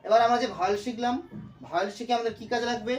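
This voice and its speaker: A man teaching a pronunciation lesson, speaking slowly and repeating words as he breaks them into syllables. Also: very high voice, fairly even intonation, recorded from a distance. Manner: slow, repetitive, breaks words into syllables aloud. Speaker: English teacher. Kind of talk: classroom lesson explaining pronunciation.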